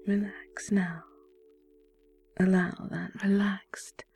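Slow whispering woman hypnotist. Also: mid-range voice, level tone, faint music behind. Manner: soft breathy whisper, slow soothing instructions. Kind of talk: whispered guided relaxation hypnosis.

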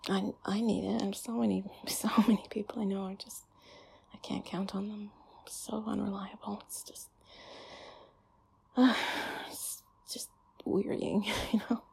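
A young woman whispering in a close ASMR chat, often giggling and sighing softly. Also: mid-range voice, level tone, measured pace, gravelly, pauses often, breathy edge. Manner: soft whispering with frequent giggles and sighs. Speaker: ASMR creator.

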